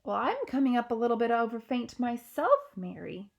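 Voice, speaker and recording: For this storybook reading, a woman plays a grand elderly queen prone to alarm, lifting her pitch above her natural voice. It sits on the high side, with lively intonation, a creaky edge, and a brisk pace. She keeps the queen's speech refined and exclamatory, full of posh phrasing and an alarmed mood.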